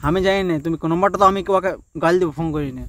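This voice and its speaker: On a casual prank phone call recorded outdoors, a young man from Purulia, West Bengal, India, insistently and melodramatically pleads and argues in a rural western Bengali accent. He speaks rapid-fire in a high, sharp voice with fairly even intonation. Slight background noise is present.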